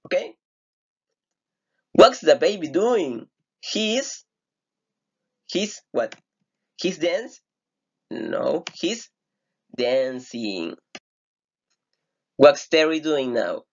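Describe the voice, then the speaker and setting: A man's voice: a little high, sing-song, extremely slow, long pauses, muffled recording. A man teaching an English grammar lesson, patiently repeating words and asking rhetorical questions. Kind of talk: recorded online grammar lesson.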